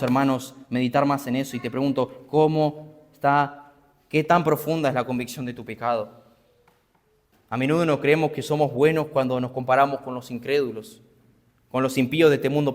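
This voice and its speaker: An earnest man preaching to his congregation, his mid-pitched voice carrying through a church hall. He presses his questions by repeating them, and a long reverb trails each phrase. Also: steady tone, moderate pace. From Argentina. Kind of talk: sermon.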